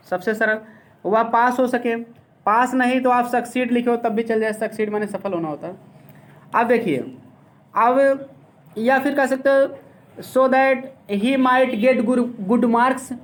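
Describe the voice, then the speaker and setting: Guy teaching english grammar, slow explaining, asks "clear?" a lot. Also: very high voice, fairly bright tone. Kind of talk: classroom grammar lesson.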